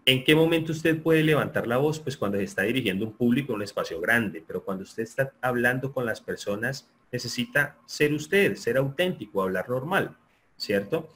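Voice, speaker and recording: A man giving an online lecture, explaining in a steady, repetitive way and often checking that listeners agree. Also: mid-range voice, moderate pace. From Colombia. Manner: explanatory, repeats himself, asks listeners for agreement. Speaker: sports psychology lecturer.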